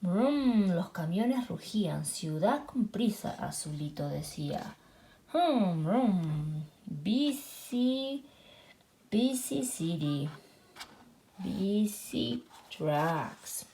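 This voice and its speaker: A woman reading a picture book aloud to children, switching between two languages line by line and making lively sound effects. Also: medium pitch, drawn-out words. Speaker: children's storyteller.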